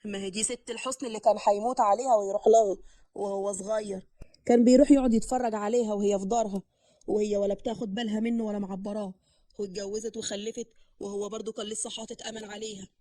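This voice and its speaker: A woman voicing a jealous, sarcastic young village groom in an Upper Egyptian accent, speaking low and suspicious. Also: level tone, rapid-fire, dark tone, no room sound, close to an everyday voice. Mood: sneering. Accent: Upper Egyptian Arabic.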